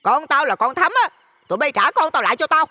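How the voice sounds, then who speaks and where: A man voicing a shrill, brawling middle-aged mother who shouts insults, with a Southern Vietnamese accent. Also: animated, quick pace, long reverb tail, full character voice. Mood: accusing.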